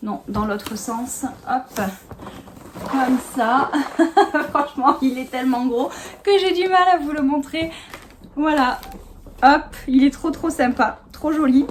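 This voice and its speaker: A chatty woman in her thirties with a slightly high voice talks loosely and giggles often, full of little fillers. She sits on a small sofa in her home office and speaks to the camera. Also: slow pace, pauses often, a little hiss or hum. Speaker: vlogger. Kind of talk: casual unboxing chat.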